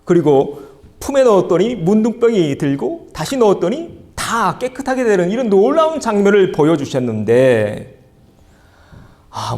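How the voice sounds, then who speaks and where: A male pastor preaching a sermon, reading scripture aloud slowly and leading the congregation in call and response. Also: fairly high pitch, darkish tone.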